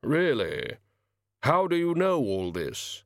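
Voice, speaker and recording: A man voicing Death as a solemn, grave male figure who speaks slowly and drily. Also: medium pitch, huge pitch swings, gravelly, fairly bright tone, dry recording, studio quality, exaggerated voice.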